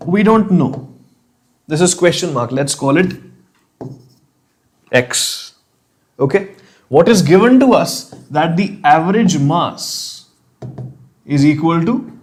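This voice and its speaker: A man with an Indian accent teaching a live online chemistry lesson, encouraging and reassuring students, often checking in and slipping Hindi phrases into his English. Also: fairly high pitch.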